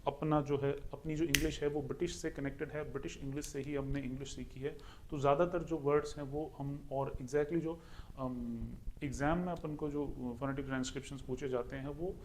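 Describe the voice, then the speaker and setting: A man's voice: medium pitch, steady tone, fairly quick, darkish tone, a little hiss or hum. Indian man teaching English exam prep. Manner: repeats points, walks through a question step by step. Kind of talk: exam-prep lesson explaining pronunciation.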